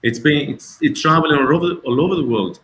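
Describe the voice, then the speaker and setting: Speaking over a video call, a middle-aged filmmaker from Italy fields festival questions about his documentary. His pitch is fairly high and a bit bright; he is hesitant, frequently pausing to search for English words and restarting again and again.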